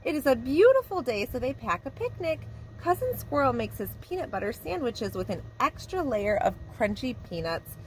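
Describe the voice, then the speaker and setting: With warm, expressive storytelling, a preschool teacher reads a picture book to young children in a fairly high voice that swoops up and down a great deal. She goes at normal speed with few pauses, and the rough recording carries a faint hiss underneath.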